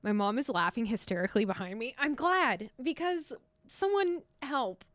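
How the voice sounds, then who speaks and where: A woman's voice: fairly high pitch, animated, moderate pace, no echo. A young American woman streaming live, chatting casually and teasing her viewers with frequent laughter. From United States. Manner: giggly, teasing, laughs often.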